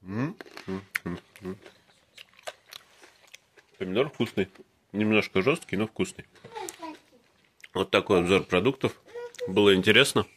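A man filming himself tasting groceries in a room, talking calmly in short, clipped phrases into his phone camera. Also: low voice, measured pace, pauses often, a little hiss or hum. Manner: calm, terse, speaks in short clipped phrases. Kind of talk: casual food-tasting vlog. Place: indoors, in a room in a city. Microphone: phone camera held by the speaker, who stays off screen.

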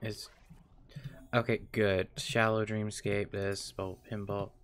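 A man streaming a game, muttering quietly to himself as he plays and thinking aloud. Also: lowish voice, level tone, slow pace, a little hiss or hum. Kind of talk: casual gameplay commentary.

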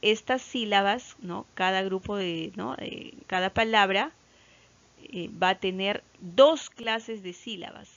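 With no room sound, the slightly dull lo-fi recording captures a primary school teacher from Peru leading a classroom lesson for children. Her mid-range voice carries a Peruvian Spanish accent as she goes slowly and patiently, repeating key words and loudly stretching example words. She frequently checks comprehension with "¿ya?".

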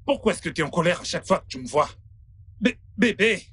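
A man's voice: sits high, lively intonation, fast talker, a bit bright, husky, full character voice. A man dubbing a broke young man who pretends to be rich, stammering and pleading with his girlfriend. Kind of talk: French dub of a film.

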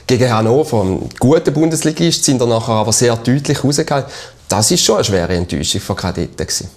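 A Swiss man in his thirties speaks at a medium pitch as a television sports host. He puts questions to a studio guest, close-miked on a lapel microphone. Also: lively intonation, quick pace. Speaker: TV sports show host, interviewer. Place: small TV studio.

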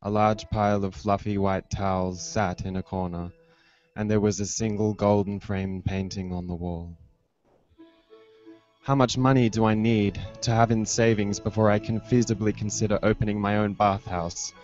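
At a festival livestreamed online from an indoor room, a young man reads experimental fiction into a handheld mic held close, his lowish voice steady, a little mellow and at normal speed. The webcast sounds dull and lo-fi, with a prominent musical soundscape behind him.

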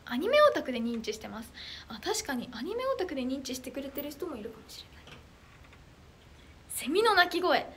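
A young woman chatting casually on a livestream and reading out viewer comments, with a loud, clear, carrying voice, an anime-like tone and bubbly, excitable reactions. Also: high-pitched, fast, a little hiss or hum.

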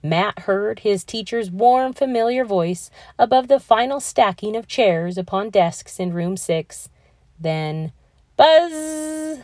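Slow-paced woman reading a picture book. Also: medium pitch, a little mellow, no echo, studio quality. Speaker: read-aloud narrator.

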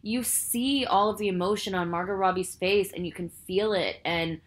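A woman's voice: mid-range voice, normal speed. A woman hosting a casual film review podcast, chatty and rambling with lots of "like" fillers, earnest and emotionally invested in what she describes. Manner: chatty and rambling, heavy use of "like" and "I think". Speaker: podcast host.

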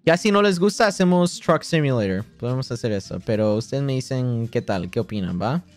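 A man's voice: mid-range voice, lively intonation, brisk, soft background music. A young man with a Mexican accent, livestreaming a game in a boastful, joking way, swearing constantly. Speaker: streamer. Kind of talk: casual gaming livestream.

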